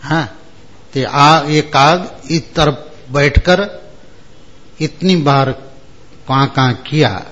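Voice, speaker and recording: A man's voice: a little high, very slow, long pauses, a bit bright, highs cut off. A man giving a spiritual discourse, chanting verses and explaining them word by word, often checking with his listeners. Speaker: religious discourse speaker.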